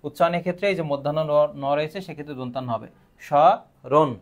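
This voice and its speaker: A man leads a live online grammar class. His voice sits a touch high, and he keeps asking the students questions and then answering them himself. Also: rapid-fire.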